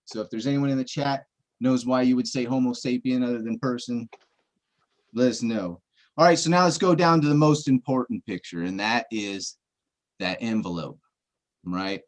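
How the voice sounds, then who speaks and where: With a mid-range voice and a moderate pace, he chats casually on a livestream as a treasure-hunt searcher. He lays out the puzzle clues step by step, drops in the odd joke and checks whether his listener is with him.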